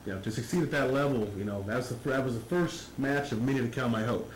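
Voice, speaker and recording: A man's voice: medium pitch, fast talker. An American man, a wrestler giving a casual promo interview, earnest and repetitive with many verbal fillers. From Las Vegas, United States. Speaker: professional wrestler being interviewed. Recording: roomy, echoing recording with faint noise.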